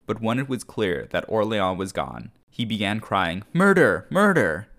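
A man hosting a history podcast, telling the story in a measured, scripted narration. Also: lowish voice, animated. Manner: measured storytelling, briefly acting out shouted quotes.

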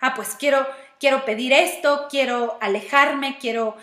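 With fairly even intonation and an unhurried pace, this woman's high, somewhat bright voice carries a Mexican Spanish accent. She offers a reflective personal-growth talk, walking through steps and questioning herself aloud, recorded with roomy echo.

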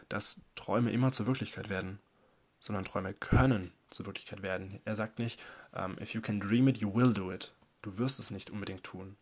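Male podcast host, slightly low and breathy voice, earnest motivational monologue addressed to the listener. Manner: earnest, coaching, speaks directly to the listener.

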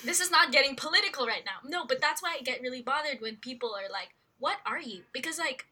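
A young woman in her late teens co-hosting a casual podcast chat, animated and quick to react. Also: sits high. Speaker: podcast co-host.

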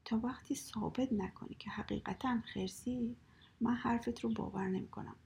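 A woman voicing a bored, powerful male factory boss in a whispered role-play, speaking slowly and skeptically. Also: on the high side, fairly even intonation, gravelly, dark tone, slightly rough, exaggerated voice. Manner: slow, skeptical, condescending.

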